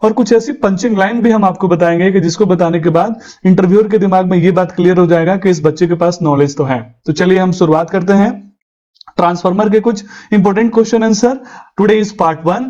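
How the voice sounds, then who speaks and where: A man teaching an engineering lesson, energetic and coaxing, slowing down for key English lines. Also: high-pitched. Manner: energetic, coaxing, mixes in English phrases slowly spelled out. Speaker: engineering tutor. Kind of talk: explanatory lesson for interview prep. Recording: slightly dull lo-fi sound.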